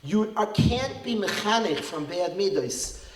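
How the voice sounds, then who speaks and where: Middle-aged rabbi addressing parents, high voice, emphatic rises, echoey event hall. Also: male voice, measured pace. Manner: animated, rising to emphatic peaks, mixes Hebrew and Yiddish terms. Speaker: rabbi and school principal. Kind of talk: inspirational talk to parents. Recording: roomy hall reverb.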